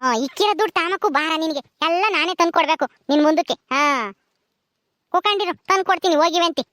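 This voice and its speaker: Woman doing a bossy village mother-in-law, super high and quick, snapping at everyone. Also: no room sound, studio quality. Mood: irritated. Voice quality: sharp, scolding, bossy. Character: scolding, bitter middle-aged village mother-in-law. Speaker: village drama actress. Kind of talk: village family drama acting.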